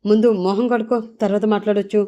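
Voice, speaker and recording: A man's voice: high-pitched, level tone, quick pace, warm tone, dull audio, natural voice. A woman voicing a caring, anxious young man in a narrated audio story, asking urgent questions. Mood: alarmed.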